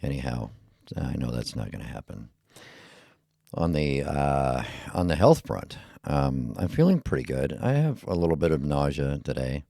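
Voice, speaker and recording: A man with an extremely deep, gravelly voice rambles through a casual solo podcast episode, mumbling and trailing off with fillers. His tone is dark and rumbly, recorded close and dry on a heavy dynamic mic with some equalizer shaping. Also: big pitch swings, normal speed, dry recording. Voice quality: rumbly, low voice. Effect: equalizer filter on the mic. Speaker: podcast host. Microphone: heavy dynamic podcast mic on a boom arm.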